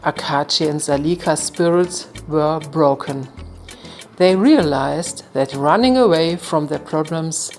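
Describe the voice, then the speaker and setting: A woman tells a folktale in a calm, measured way, her voice sitting low and unhurried. Soft music plays faintly beneath her narration. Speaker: storyteller.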